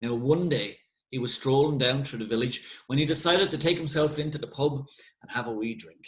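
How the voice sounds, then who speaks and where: A man with an Irish accent telling a folk tale in a lively, conversational way with dramatic pauses. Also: medium pitch, low-quality recording. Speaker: storyteller. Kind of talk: spoken folk tale narration.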